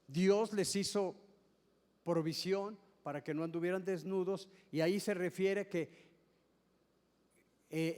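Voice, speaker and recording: A man's voice: high voice, a little mellow, long reverb tail. A man preaching a sermon as pastor, explaining step by step, often repeating and restarting words and asking the congregation questions. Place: church service hall.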